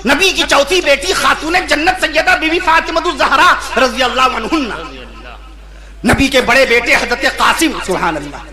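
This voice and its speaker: A man preaching at a religious gathering. He builds long, repeated lists that swell into shouts, then stops to spell out the correct pronunciation of names. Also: extremely high pitch, normal speed. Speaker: Islamic preacher. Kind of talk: impassioned sermon at a religious gathering.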